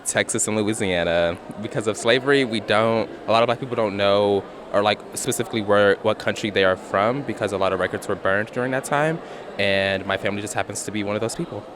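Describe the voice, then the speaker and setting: Low-voiced man talking fast outdoors. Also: noisy background. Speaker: interviewee. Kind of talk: casual street interview.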